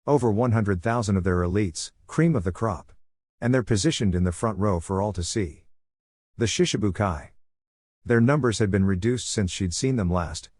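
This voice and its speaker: A man narrating a fan-fiction story, reading in a steady, measured way. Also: on the low side, dry recording, studio quality.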